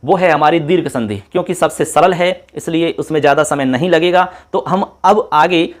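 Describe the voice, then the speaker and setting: A man teaching a class at a board, patiently spelling out each example and repeating it slowly, often checking that the students follow. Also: on the high side. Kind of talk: classroom lecture.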